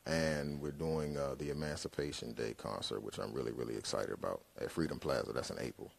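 A man's voice: a bass voice, fairly quick, creaky, husky. A man in his thirties, a rapper, talking into a handheld mic on a concert hall stage and then rapping in punchy rhythm. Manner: relaxed talk trailing off quiet, then punchy rhythmic rap. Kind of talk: interview answers, then rapping over live winds. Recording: live music in a hall.

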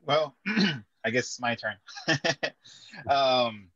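A young man raised in Mexico speaking on a video call panel from a dim room at home, unhurried and reflective, pausing with fillers. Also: mid-range voice, animated, a bit bright, no room sound. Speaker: writer panelist. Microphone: video call webcam. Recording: dry, dull webcam audio.

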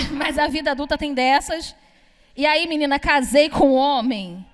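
A young woman from Brazil, speaking, does a stand-up comedy set on a club stage. Her voice sits high, and she talks in a brash, chatty way, teasing the audience and swearing freely. The room adds a long, ringing reverb. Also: takes it slowly, a crowd in the background. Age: young adult. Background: audience laughter.

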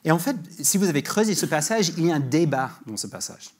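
Husky-voiced man preaching in a church. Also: a little high, big pitch swings. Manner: conversational, with frequent restarts and fillers; reads scripture slowly and emphatically. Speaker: guest preacher. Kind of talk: sermon. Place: church sanctuary.

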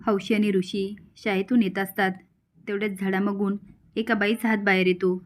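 A woman narrating a casual recap of a TV serial episode, telling the story briskly and reading the characters' lines with little acting. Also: medium pitch, flat delivery.

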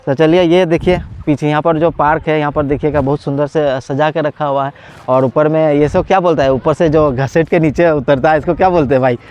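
The high frequencies are cut off in this recording of a man with a fairly high voice. He's a vlogger in his forties with a cold, filming himself on his phone at arm's length at an outdoor water park and chatting excitedly, laughing often and pausing with lots of fillers.

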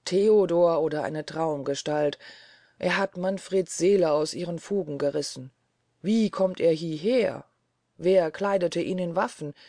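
A woman voicing a haunted, terrified middle-aged prince in an audiobook, crying out loudly and frantically. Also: fairly low pitch, measured pace, no echo, studio quality. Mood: grief-stricken.

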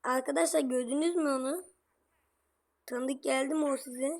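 A woman giving excitable let's-play commentary, talking straight to her viewers and grumbling at the game. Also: high-pitched, normal speed. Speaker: gameplay commentator.

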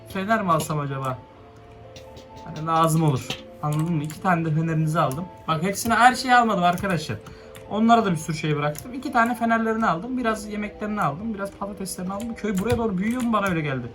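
A young man commenting on his own Minecraft game, swinging between hushed muttering and frustrated yelps. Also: sits high. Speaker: gaming YouTuber. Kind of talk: Minecraft let's play commentary.

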